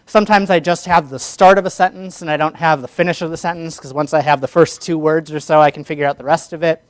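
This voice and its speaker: A male instructor with a high, crisp voice lectures a classroom on public speaking. He is energetic and keeps asking the students questions. The sound is dry and close. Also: fast talker, dry recording.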